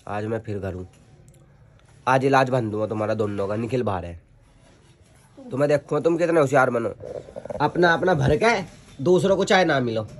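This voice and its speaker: A man's voice: medium pitch, normal speed, long pauses, slight background noise. A young man, chatting and teasing his family while filming a casual vlog at home on his phone. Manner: teasing, chatty, addresses viewers as guys. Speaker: vlogger.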